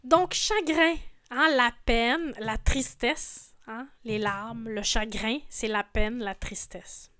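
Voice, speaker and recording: A woman's voice: fairly high pitch, takes it slowly, pushed and bright, no echo, studio quality. A woman in her forties, a French teacher patiently explaining song lyrics and grammar, often checking in with "hein". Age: 40s. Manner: patient, didactic, frequent "hein" fillers.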